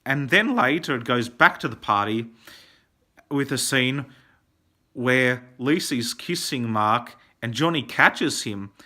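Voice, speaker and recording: Bright-voiced guy rambling thru a movie review, lots of "like"s. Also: medium pitch, slow. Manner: rambling, animated, filler-heavy. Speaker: film reviewer.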